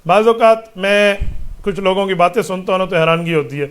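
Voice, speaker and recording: A man with a high-pitched voice answers religious questions as a mufti. He speaks with emphasis, asking rhetorical questions and stacking phrases one after another. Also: a bit bright, clean tone.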